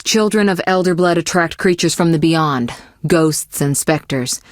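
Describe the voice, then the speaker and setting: Here the young sorceress, poised and worldly, delivers scripted video game lines in a serious, instructive mood. Her lowish voice is close-miked and dry with no room sound, and her measured, articulate speech gently chides while staying caring, teasing, and possessive.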